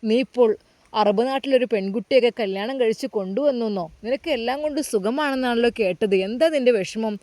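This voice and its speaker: Fields. Figure: woman-voiced old mosque caretaker, fatherly and fussing. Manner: coaxing, questioning, pitch pushed a little above her own. Sound: dry and close. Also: quick pace, a little mellow, dry recording. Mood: pleading concern. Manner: coaxing, repeats tender address, many questions.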